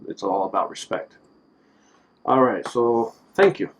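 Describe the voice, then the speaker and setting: A man giving a casual lesson on simple phrases, relaxed and joking, repeating each word so it can be drilled. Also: mid-range voice, a little slow, low-quality recording. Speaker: language teacher. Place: Japan.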